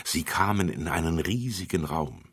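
A man's voice: deep voice, expressive, moderate pace, a bit bright, husky, dry recording, studio quality. A man narrating a children's story in a storytelling manner.

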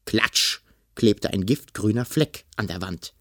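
A man reading a children's story aloud, expressive and acting out the scenes. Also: fairly low pitch, unhurried, no room sound, clean studio sound. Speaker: narrator.

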